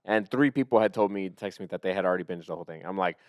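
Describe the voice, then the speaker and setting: A man co-hosting a podcast in casual chat, rambling and excitable, often trailing off and restarting. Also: sits low, rapid-fire, no echo, studio quality. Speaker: podcast co-host.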